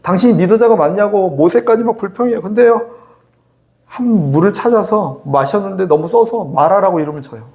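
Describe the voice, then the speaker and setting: A male pastor preaching a sermon in a high, light voice. He talks to the congregation in a chatty way, tossing out rhetorical questions and acting out people's prayers. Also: fairly quick, warm tone.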